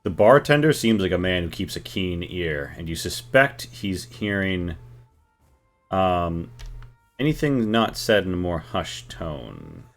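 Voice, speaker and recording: A man improvising narration as game master of a tabletop game, casual and colloquial, pausing as he describes. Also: sits low, big pitch swings, soft background music.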